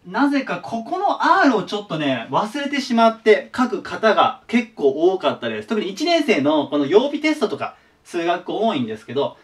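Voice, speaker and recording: Chatty guy tutoring online, high voice that jumps all over, mic sits a bit far off. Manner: chatty, shares his own memory tricks. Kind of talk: casual whiteboard lesson.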